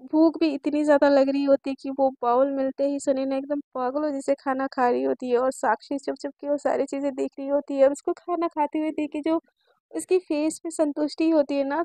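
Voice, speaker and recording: A woman's voice: high voice, mellow, dry recording. A woman narrating a romance story in a chatty, casual way. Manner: chatty, filler-laden.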